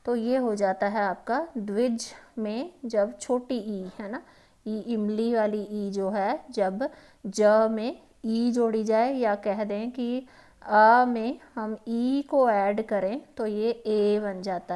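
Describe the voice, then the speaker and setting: A woman with a Himachali Hindi accent teaches exam grammar in a patient, unhurried way, often pausing and checking that the listener is following. Her voice sits a little high, and she takes her time over each point. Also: fairly even intonation, dark tone. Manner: patient, repeats "ठीक है" and "है ना", many hesitations. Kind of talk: explaining Hindi grammar questions.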